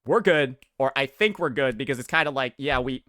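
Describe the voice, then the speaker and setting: A man livestreaming and chatting casually with his viewers, slangy and animated, swearing often and saying "bro" a lot. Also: medium pitch, fairly quick, no echo, studio quality. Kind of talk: casual stream commentary.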